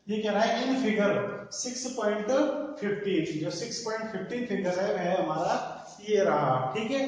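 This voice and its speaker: A man's voice: high voice, darkish tone. A man teaching a maths lesson, often asking the class questions and answering them himself. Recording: echoey room, distant from mic.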